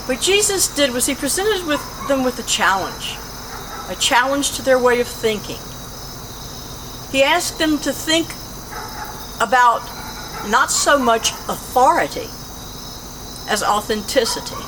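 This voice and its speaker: Brief: expressive woman host, fairly high animated voice, noisy background with insects chirping. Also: unhurried, long pauses. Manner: storytelling, expressive. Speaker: church host. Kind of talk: retelling a Bible story, then interviewing.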